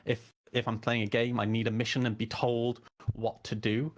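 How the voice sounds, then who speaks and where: A man's voice: medium pitch, flat delivery, normal speed. A man who is a guest on a casual gaming podcast, talking in a plain, earnest way.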